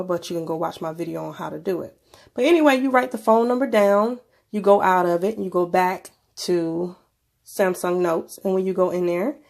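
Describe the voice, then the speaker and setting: A woman video presenter talks through a casual gadget review. Her voice is on the low side, with a lot of gravelly fry, and she sounds stuffed up with a cold. Her delivery is informal and conversational. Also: a little mellow. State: sick with a cold, stuffy nose. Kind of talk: casual tech review narration.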